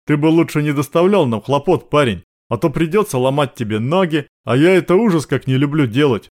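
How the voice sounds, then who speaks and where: A man voicing an older male guard boss, calm, flat and matter-of-fact. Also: fairly high pitch, a little fast, voice pushed up, natural voice.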